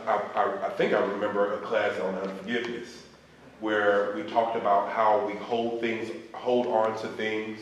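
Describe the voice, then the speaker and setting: A stuffed-up man leads a class for a small group, animated and thinking aloud as he goes. The room is echoey and there is a light hiss behind him. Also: on the low side. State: stuffed up nose. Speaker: pastor leading a class. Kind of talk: casual group teaching. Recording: echoey room, slight noise.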